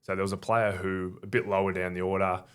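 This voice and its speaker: A relaxed Australian man with a very deep voice, talking casually as a podcast guest. He tells stories in a loose, anecdotal way, full of "like" and "sort of". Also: fast, clear, resonant tone. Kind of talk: casual conversational storytelling.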